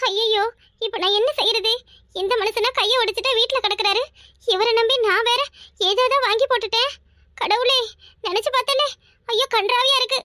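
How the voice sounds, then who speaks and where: A shrill, bright cartoon wife, voiced by a woman, fretting in a rapid, wailing monologue about money she owes. The voice sits very high and races along, and it sounds dry and close. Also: dry recording. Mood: panicky. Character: debt-ridden young wife, panicky and scheming. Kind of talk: cartoon voice acting.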